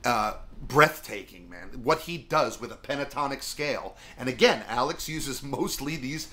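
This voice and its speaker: A man's voice: medium pitch, animated, moderate pace, pushed and bright. A middle-aged man teaching guitar soloing in a casual, rambling way, with lots of fillers as he talks. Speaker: music teacher. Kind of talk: casual video guitar lesson.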